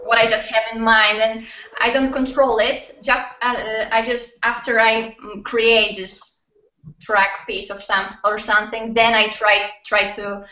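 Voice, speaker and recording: A young woman with a Polish accent, a guest in a casual video-call interview, talking haltingly with many fillers and restarts. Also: on the high side, little pitch movement, pushed and bright, a little hiss or hum. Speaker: guest musician. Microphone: webcam. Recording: distant, echoey, dull webcam audio.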